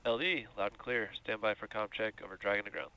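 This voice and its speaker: A man with a bright, forceful voice calls astronaut radio checks in short procedural phrases. The radio loop carries faint noise. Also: lowish voice, fast talker, low-quality recording. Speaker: launch control officer.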